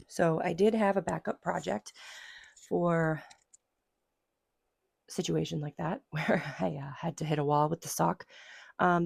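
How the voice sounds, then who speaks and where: Sick mom in her 30s chatting about knitting, low husky voice, super gravelly. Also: no echo, clean studio sound. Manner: rambling, chatty, with fillers. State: hoarse from a cold. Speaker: knitting vlogger. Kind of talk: casual chat.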